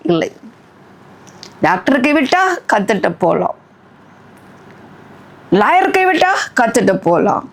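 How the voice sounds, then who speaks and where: A middle-aged woman preaching a sermon with fervent, emphatic peaks, slipping in short English phrases. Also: on the high side.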